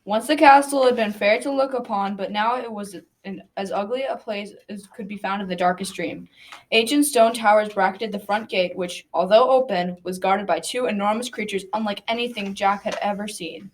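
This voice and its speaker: In this noisy amateur school recording, a roughly 12-to-13-year-old girl reads the narration of a folktale radio drama aloud, occasionally tripping on her lines. The female voice sits mid-range, moves at normal speed, and carries a light touch of acting.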